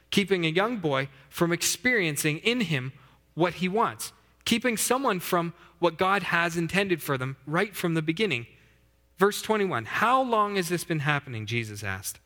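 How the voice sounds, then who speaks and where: Preaching man in a reverberant hall. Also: pushed and bright. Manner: conversational preaching with dramatic pitch swings. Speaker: pastor. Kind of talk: sermon.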